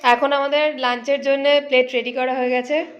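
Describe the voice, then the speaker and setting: Speaking high-pitched and a little fast with a level tone, a young woman chats informally to viewers while narrating her family vlog. She drops in English greetings, and the home video sounds dull and lo-fi with faint noise.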